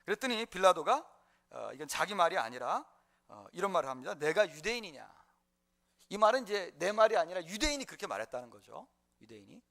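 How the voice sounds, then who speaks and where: Lively high-voiced male preacher. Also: fast talker, vocal fry. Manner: animated storytelling with frequent fillers and chuckles. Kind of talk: sermon. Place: church sanctuary.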